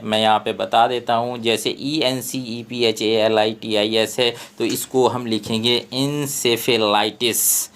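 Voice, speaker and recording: A male tutor with an Indian English accent works through textbook exercises at an unhurried, deliberate pace. His voice sits in an ordinary middle pitch, and he reads each prompt carefully before explaining it. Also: fairly bright tone.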